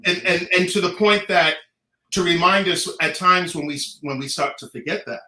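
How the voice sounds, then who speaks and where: A middle-aged American man talking in an animated, earnest, casual way, emphatic and repeating phrases for stress. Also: high-pitched, moderate pace. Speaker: Pride organizer and guest. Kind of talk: animated casual talk, earnest community advocacy. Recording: roomy, echoing live sound.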